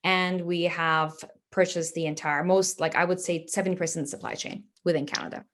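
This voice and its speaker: A woman in her thirties from Dubai, a family business executive, answers interview questions as a guest in a plain, explanatory manner. Her voice sits on the low side, with a steady, fairly bright tone, and she speaks fairly quickly.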